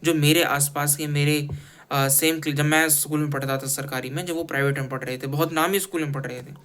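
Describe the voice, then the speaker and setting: A man's voice: a little high, fairly even intonation, fairly quick, fairly bright tone. A man from India giving an earnest, critical opinion piece in casual talk, restarting his phrases often. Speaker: commentator.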